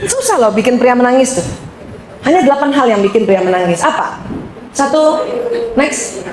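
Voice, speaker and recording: A middle-aged woman giving an animated, joking seminar talk to an audience. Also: on the high side, normal speed. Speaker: seminar speaker. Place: large hall with audience. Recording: roomy hall sound with faint noise.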